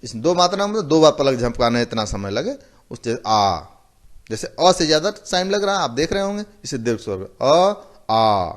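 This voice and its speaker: A male teacher giving a slow, methodical lecture, repeating each term and explaining it with simple examples. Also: on the high side, sing-song. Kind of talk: recorded classroom lecture.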